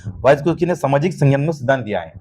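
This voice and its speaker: A man's voice: mid-range voice, lively intonation, very fast, a little mellow, slightly rough. A man teaching an exam-prep lesson, constantly checking understanding with short questions and calling students "beta". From Rajasthan.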